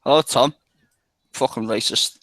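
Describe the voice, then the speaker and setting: A man's voice: medium pitch, a little slow, fairly bright tone, no echo. A man chatting casually on an online video hangout, rambling, swearing freely and laughing often.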